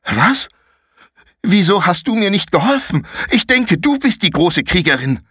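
A man's voice: high-pitched, very animated, unhurried, fairly bright tone, slightly rough, dry recording, clean studio sound, pitched above the performer's own voice, full character voice. A man voicing a scared, upset young boy in a fantasy audiobook, pleading and defensive.

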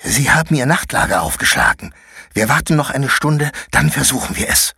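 A man's voice: medium pitch, sing-song, normal speed, gravelly, pushed and bright, slightly rough, dry recording, clean studio sound, pitched above the performer's own voice, heavily acted. A man voicing a bossy, secretive girl adventurer on a mission, who talks in a curt, impatient, know-it-all way in a storybook reading. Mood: urgent.

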